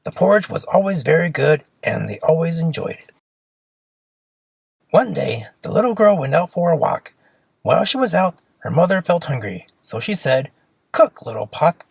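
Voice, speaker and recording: An expressive storyteller reads a simple children's fairy tale in a husky, creaky mid-range voice. The pitch rises and falls a great deal, and the recording is dry and close.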